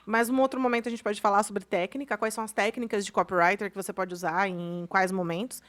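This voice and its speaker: A woman from Brazil co-hosting a podcast in casual chat, emphatic and opinionated, quick to push back. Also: medium pitch, steady tone, fairly bright tone. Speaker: podcast co-host.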